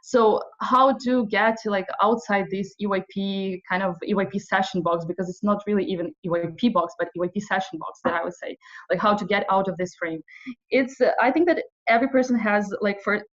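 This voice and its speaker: A woman's voice: medium pitch, steady tone, brisk. A young woman from western Ukraine in her twenties, leading an online video workshop in a hesitant way, with many fillers. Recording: slightly dull audio.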